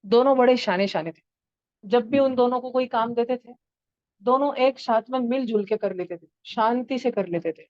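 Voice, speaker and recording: A woman's voice: fairly high pitch, moderate pace, no echo, lo-fi sound. A woman teaching a math lesson to children in an online class, turning numbers into story characters and acting out their lines. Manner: playful, acts out number characters in voices.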